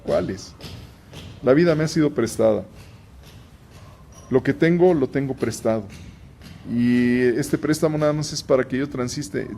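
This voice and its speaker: A man's voice: medium pitch, dark tone, slight background noise. A man hosting a conversational Bible lesson for viewers, chatty, often restarting his sentences and turning aside to address his audience. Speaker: host and Bible teacher.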